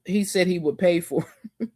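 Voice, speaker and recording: A woman giving a casual, animated, slangy recap of a TV episode as a show reviewer. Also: on the low side, moderate pace, no room sound, studio quality.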